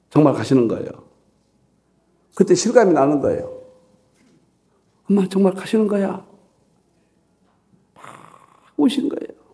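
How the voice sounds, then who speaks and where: Gravelly, animated Korean pastor man. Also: mid-range voice. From South Korea. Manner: emotional, swings from loud exclaiming to hushed whispers. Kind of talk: sermon with personal storytelling. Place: church dawn service.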